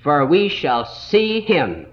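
A man's voice: on the high side, wildly swooping pitch. Man teaching a Bible lesson on an old, dull tape. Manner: slow, deliberate, spells out words letter by letter. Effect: old recording. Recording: dull lo-fi 1960s tape recording.

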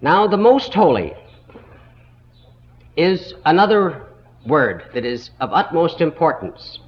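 A man teaching a Bible school lesson in a slow, deliberate way, stopping to spell out words letter by letter, heard on an old 1960s tape recording. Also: fairly high pitch, big pitch swings, highs cut off.

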